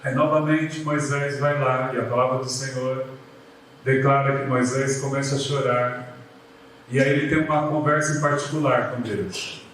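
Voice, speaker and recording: A man with a Brazilian accent who is a pastor preaching a lively sermon, acting out biblical voices and calling the people "queridos". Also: medium pitch, normal speed, a little hiss or hum. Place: church sanctuary. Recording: very echoey church hall from a distance.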